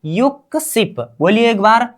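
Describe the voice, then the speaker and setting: Slow-paced woman teaching a language class. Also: on the high side, animated. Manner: drills by repeated call-and-response questions.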